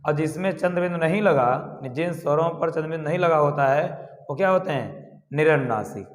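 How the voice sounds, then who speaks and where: A male teacher explains grammar slowly, asking rhetorical questions and answering them himself. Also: fairly high pitch. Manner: slow, deliberate explaining. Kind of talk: classroom grammar lesson. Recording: echoey classroom with long reverb.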